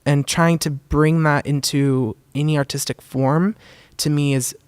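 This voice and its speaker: Onstage in a theater, a young man who photographs and curates zines fields interview questions in a fairly high, steady, unhurried voice he describes as feminine. Earnest, he laughs frequently and leans on "um" and "kind of." The recording is dry, clean and resonant.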